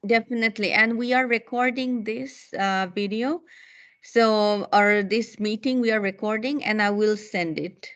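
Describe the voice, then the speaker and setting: A woman's voice: medium pitch, normal speed, highs cut off. A woman homeroom teacher talking with parents in an online meeting, polite and reassuring. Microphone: video call.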